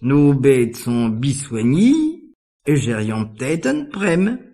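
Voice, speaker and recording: A man's voice: mid-range voice, huge pitch swings, slow, dark tone, exaggerated voice. A man quoting a stubborn peasant wife with a Norman accent. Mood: insistent.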